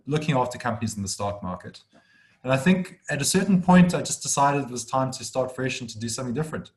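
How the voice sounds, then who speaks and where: A South African man in his thirties, a firm director, tells his story fluently during a webinar conversation. His voice is fairly low and a little mellow, with a South African accent.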